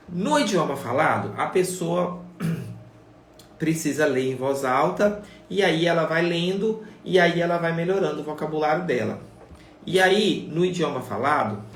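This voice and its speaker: A man's voice: fairly high pitch, slight background noise. A man gives a casual live-stream lesson as a sign language teacher, talking straight to viewers and repeating his points. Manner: repetitive, conversational, addresses viewers directly. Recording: echoey room, voice far from the mic, faint ambience.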